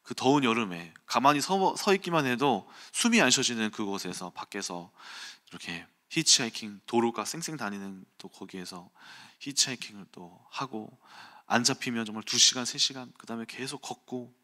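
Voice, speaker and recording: A man preaching an early-morning sermon, telling a personal story in an animated way and acting out quotes and sounds. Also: medium pitch, normal speed, few pauses.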